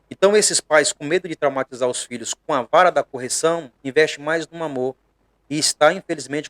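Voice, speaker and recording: A middle-aged man from Bahia with a Brazilian accent, a pastor preaching conversationally on a podcast, earnest and emphatic, often pausing to hesitate. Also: on the high side, no room sound.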